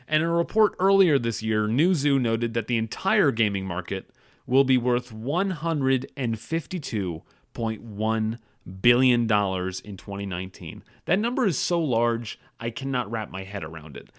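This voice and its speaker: A man's voice: medium pitch, very animated, normal speed. Man riffing on gaming news. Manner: reads figures aloud, then riffs with sarcastic asides; self-deprecating, stumbles and corrects himself. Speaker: podcast host. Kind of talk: casual news commentary.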